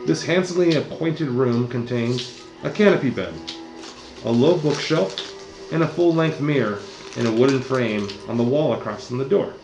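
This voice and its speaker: A man narrating a tabletop role-playing game as dungeon master, explaining the rules in a relaxed, plain way. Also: medium pitch, normal speed. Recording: roomy recording with background music. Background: background music.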